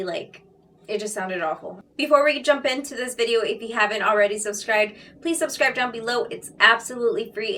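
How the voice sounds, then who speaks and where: A woman's voice: mid-range voice, fairly bright tone, far from the mic, slight background noise. Chatty woman vlogger, a bit off-mic. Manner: chatty, upbeat, addresses viewers directly. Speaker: beauty vlogger. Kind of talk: casual makeup vlog talk.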